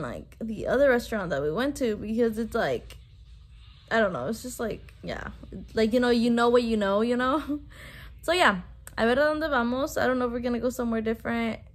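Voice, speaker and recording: A young woman vlogging on her phone, chatting casually, switching between English and Spanish, laughing often and filling her talk with "like". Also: on the high side. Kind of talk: casual vlog talk to camera. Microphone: phone held at arm's length.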